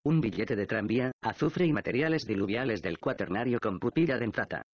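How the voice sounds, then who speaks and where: A man's voice: medium pitch, animated, brisk, no room sound, close to an everyday voice. A man reading the lines of a thoughtful male detective who reasons aloud, in a dull, dry audiobook recording. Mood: weary.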